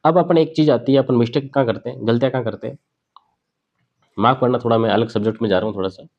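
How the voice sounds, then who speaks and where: A man's voice: mid-range voice, fast talker. Male teacher, grammar lesson at a board, asks and answers his own questions, repeats key words, slightly muffled lo-fi sound.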